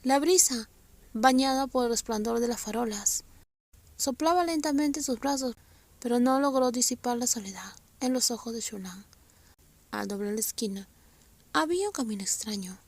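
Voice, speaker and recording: High-voiced woman reading a novel aloud. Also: expressive, moderate pace, no echo. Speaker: narrator.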